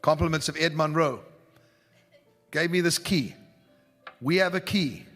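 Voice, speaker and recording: Fervent preacher. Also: male voice, a little high, unhurried. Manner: fervent, rising to shouts, talks to the audience. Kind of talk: prophetic sermon to a congregation. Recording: long hall reverb with faint music.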